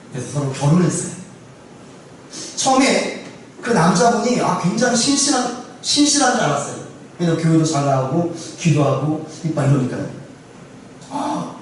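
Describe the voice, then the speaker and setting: A male pastor preaching a sermon, telling a story in an animated way and asking rhetorical questions. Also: fairly high pitch, recorded from a distance. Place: church sanctuary. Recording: very echoey church hall from afar, faint noise.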